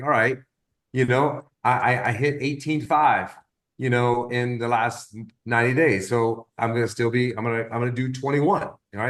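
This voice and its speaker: A man in his fifties talking through goals in a loose, rambling coaching chat. His voice sits at a middling pitch. He repeats words as he works through his thoughts, and he drifts into animated little stories. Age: 50s. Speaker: wellness business coach. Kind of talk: casual motivational talk.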